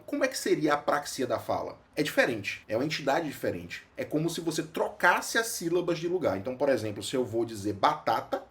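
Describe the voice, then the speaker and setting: Lively Brazilian neurologist man explaining. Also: medium pitch. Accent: Brazilian Portuguese. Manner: didactic, asks and answers his own questions. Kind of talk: educational explainer.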